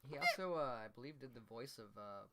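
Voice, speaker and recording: A man with a mid-range voice, neither high nor low. He co-hosts a relaxed livestream, easily agreeing and chuckling as he talks. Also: fast, heavy background noise. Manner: relaxed and agreeable, laughs often. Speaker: horror livestream co-host. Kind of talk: casual chat.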